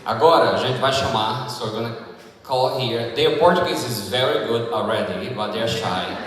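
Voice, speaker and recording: A man's voice: medium pitch, unhurried, a bit bright. A man with a Brazilian accent hosting a live event in an informal, coaxing manner. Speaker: event host. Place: large echoey hall with audience. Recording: echoey hall, distant, crowd noise.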